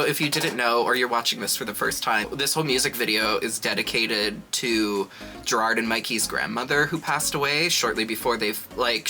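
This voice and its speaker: A man's voice: medium pitch, bright, forceful tone. A man with a sassy drag queen manner, giving casual, dramatic and emphatic reaction commentary.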